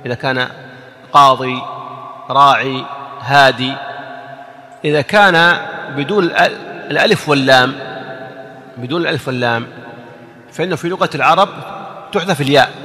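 A man's voice: a little high, fast talker, pauses often, pushed and bright. A man, a sheikh, giving a religious lesson. He explains hadith patiently, repeats key words and quizzes his listeners with questions. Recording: long hall reverb.

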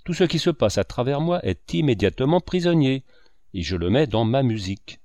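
A man's voice: mid-range voice, sing-song, moderate pace, a little mellow, dry recording, studio quality, natural voice. A man voicing a male composer who protests insistently. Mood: protesting.

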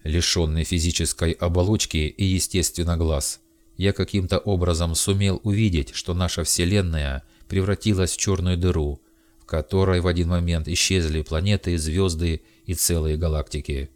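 A man narrating an audiobook in the first person with steady storytelling. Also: low-pitched, moderate pace.

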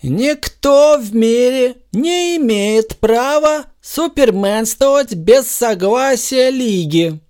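Smug superhero, mocking, drawn-out, high and lively, as a man puts him on. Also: clean tone, heavily acted. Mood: solemn.

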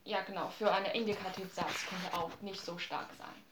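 A female language teacher who talks through each phrase with patience and says it again for her students. Her voice sits at an everyday pitch and echoes around the room. A faint hiss lies under it. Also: fairly even intonation. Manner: patient, repeats each phrase and explains slowly. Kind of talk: classroom language lesson.

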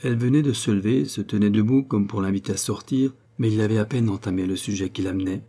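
A man reading a novel aloud in a steady, measured narration. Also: lowish voice, slightly rough. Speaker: audiobook narrator.

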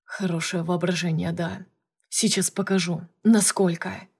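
A woman's voice: fairly low pitch, flat delivery, a little slow, gravelly, a little mellow, husky, full character voice. A brusque male director who barks orders and jabs with sarcasm , as a woman narrator puts him on. His lines come clipped and commanding, read as part of an audiobook. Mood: subdued. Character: brusque male boss, gruff and jealous. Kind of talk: audiobook character reading.

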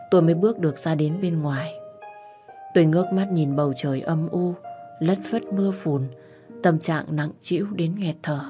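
A woman narrating a first-person audio story in a soft, measured way, voicing every character herself. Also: sits low. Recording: soft music underneath.

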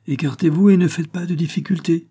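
A man's voice: a little high, fairly even intonation, fairly quick, mellow, slightly rough, pitched above the performer's own voice. A man reading a tough police commissioner in an audiobook, speaking in a cutting, commanding tone. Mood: curt.

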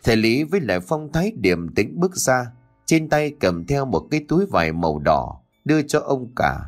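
A man narrating a ghost story in an expressive storytelling style that rises and falls for suspense. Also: mid-range voice, normal speed, faint music behind.

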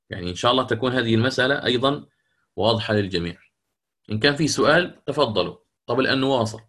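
A man teaching the rules of Quran recitation in a lecture, who explains step by step, checks in with his listeners and recites verse examples slowly. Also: medium pitch, sharp tone.

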